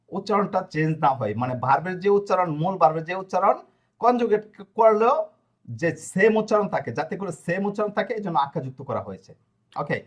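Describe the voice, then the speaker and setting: A man with a somewhat high voice teaches a grammar lesson. He explains patiently, spelling out endings slowly and pausing often to ask whether the students follow. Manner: explanatory, checks understanding with frequent questions. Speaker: language teacher.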